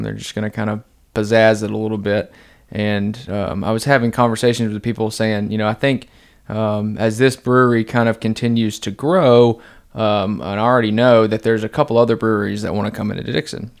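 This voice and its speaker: A man's voice: fairly low pitch, fairly even intonation, brisk, gravelly. A man hosting a casual podcast interview, laid-back and rambling with many fillers. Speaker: podcast host.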